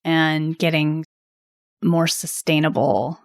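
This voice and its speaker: A woman copywriter talking as a podcast guest, reflective and laughing softly between thoughts. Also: deep voice, steady tone, takes it slowly, no echo, clean studio sound. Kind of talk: casual interview chat. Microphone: video call.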